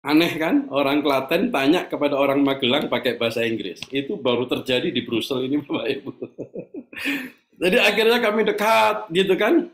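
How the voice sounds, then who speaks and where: A man's voice: fairly high pitch, fairly quick, echoey room. A man, a pastor preaching in a chatty storytelling way to his congregation. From Indonesia. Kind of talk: sermon.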